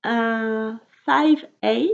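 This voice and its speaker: This French knitting podcaster, from France with French as her first language, has a voice on the high side with vocal fry. In a casual chat about her projects, she halts, repeats words while searching for the right one, and gives soft laughs, all captured in dull lo-fi audio.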